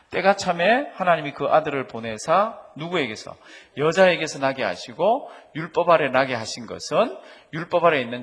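Emphatic husky-voiced man preaching. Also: a little high, a bit bright. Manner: emphatic preaching, quoting scripture with stressed English phrases. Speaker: pastor. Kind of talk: sermon.

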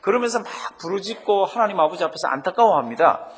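A man's voice: high voice, fast. A man who is a pastor, teaching a Bible study sermon and leading his congregation to read Scripture aloud with him. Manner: animated, leads congregation in reading aloud. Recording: long reverb of a hall.

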